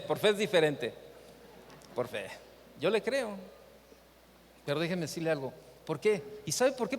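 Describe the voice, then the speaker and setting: A man's voice: on the high side, in a large hall, a little hiss or hum. A man with a Mexican accent gives a church leadership talk, telling stories and asking rhetorical questions. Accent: Mexican Spanish. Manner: animated storytelling with rhetorical questions. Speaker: seminar speaker at a church. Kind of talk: preaching talk with anecdotes. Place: church meeting hall.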